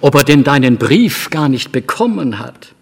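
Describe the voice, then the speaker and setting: A man's voice: mid-range voice, sing-song, vocal fry, slightly rough, big-room sound, voice pushed up, exaggerated voice. A man doing a stern, grave father. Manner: grave, measured. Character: stern, calm father of the house.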